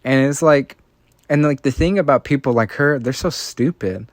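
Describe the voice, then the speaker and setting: A man's voice: medium pitch, normal speed, no echo, clean studio sound. A young man ranting casually while playing a video game, rambling and frustrated, with lots of filler words. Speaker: vlogger. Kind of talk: casual rant while gaming.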